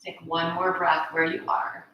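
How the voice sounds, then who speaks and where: A woman teaching a yoga flow in a bright, clear voice. She calls out poses calmly and encouragingly, often checking in with the class. The sound rings through a very echoey room. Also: fairly low pitch, measured pace, muffled recording. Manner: calm, encouraging cues with frequent "right?" check-ins. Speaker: yoga instructor. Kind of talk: guided yoga class instruction.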